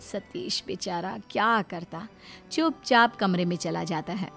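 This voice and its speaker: A woman narrating a family drama story in a low, steady storytelling voice. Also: measured pace, vocal fry, faint music behind.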